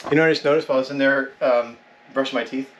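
A man's voice: mid-range voice, fairly even intonation, very fast, a bit bright, lo-fi sound. A man hosting a vlog, chatting casually with playful, joking banter. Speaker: vlog host. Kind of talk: casual chat.

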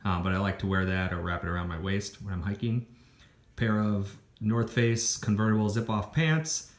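A hiker shows off his gear in a relaxed voice-over recorded at home, with the items on the floor. He lists them with many ums and restarts, his voice lowish, his intonation fairly even and his speed normal.

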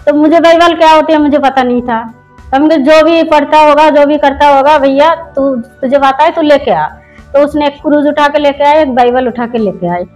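Middle aged indian woman telling her testimony, high voice, keeps restarting, soft music behind. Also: normal speed, rough recording. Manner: rambling storytelling with many restarts. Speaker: church member giving testimony. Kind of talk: spoken personal testimony.

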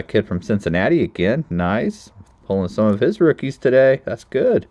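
Low-voiced excitable man opening card packs. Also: no echo. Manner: excitable, talks to viewers, bursts into loud exclamations. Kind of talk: casual pack-opening commentary.

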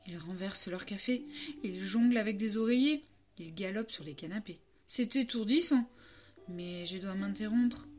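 A French woman reading a children's story aloud, narrating as a timid harp in a playful, expressive way. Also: medium pitch, normal speed, soft background music.

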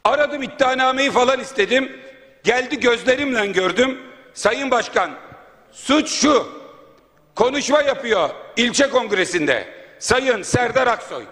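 Male MP at a podium microphone, high voice, indignant and rhetorical, chamber reverb. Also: animated, unhurried, a bit bright. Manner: indignant, rhetorical, listing points. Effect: speaking at a podium microphone. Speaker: member of parliament. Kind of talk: parliamentary floor speech. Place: large parliament chamber. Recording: long reverb of a large hall.

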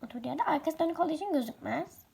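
A woman narrating a toy role-play game for her viewers, with hushed asides. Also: sits high, expressive, rapid-fire, creaky, background noise. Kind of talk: casual narration of doll play.

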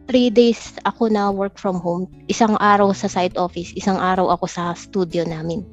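A young woman from the Philippines chats casually as a podcast guest, spinning anecdotes and breaking into laughter as she goes. Her voice sits at a middle pitch. The audio is a bit dull and lo-fi, with faint music underneath. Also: steady tone, normal speed. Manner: chatty storyteller, laughs often mid-sentence. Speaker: guest architect.

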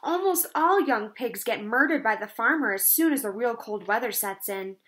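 A woman's voice: a little high, expressive, normal speed, fairly bright tone. Woman doing a blunt old ewe. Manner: blunt, matter-of-fact. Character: old female sheep, blunt and gloomy.

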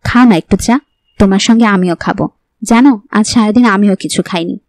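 A woman's voice: medium pitch, normal speed, a little mellow, dry recording, close to an everyday voice. A woman voicing a young pregnant wife who is oddly cheerful. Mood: cheerful, teasing.

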